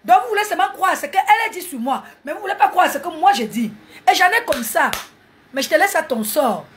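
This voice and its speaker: High, lively woman scolding. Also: fairly quick, a little hiss or hum. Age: 40s. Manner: mocking, scolding, animated. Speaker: live streamer. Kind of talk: heated live-stream rant.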